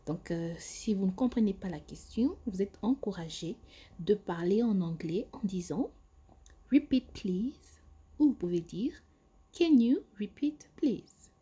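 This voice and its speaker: A woman giving an English lesson, modelling phrases slowly and carefully. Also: medium pitch, lively intonation, warm tone, slightly rough. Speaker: English teacher. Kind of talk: language lesson.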